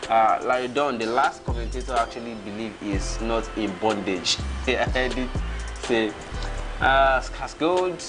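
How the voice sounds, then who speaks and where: A man's voice: medium pitch, unhurried, over music. A Nigerian man in his thirties, hosting a casual livestream and reading out viewer comments, chuckling and reacting as he goes. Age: 30s.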